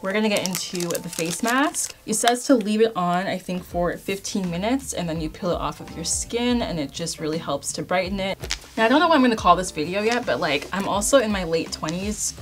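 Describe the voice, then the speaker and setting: A young woman in her late twenties talks chattily to her viewers as a beauty vlogger. Her voice sits on the low side for a woman. Faint music plays quietly under her voice. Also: expressive, brisk. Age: 20s. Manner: chatty, upbeat, addresses viewers as you guys. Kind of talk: casual chat to camera. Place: indoor filming space.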